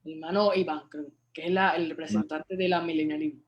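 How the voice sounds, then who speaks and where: A man's voice: a little high, steady tone, fast, lo-fi sound. A man from Rico, speaking as a church panelist with a welcoming greeting. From Puerto Rico.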